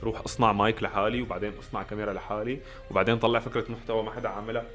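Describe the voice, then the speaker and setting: Levantine guy ranting super fast, sarcastic, faint music behind. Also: on the low side, flat delivery, a bit bright. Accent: Levantine Arabic. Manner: rapid, blunt and sarcastic. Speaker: reaction commentator. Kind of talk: casual commentary.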